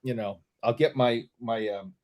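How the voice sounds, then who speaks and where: A man with a Boston accent in a casual, joking group chat, speaking haltingly and repeating himself. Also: mid-range voice, steady tone, darkish tone, slight background noise. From Boston, United States. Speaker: hobby talk show panelist.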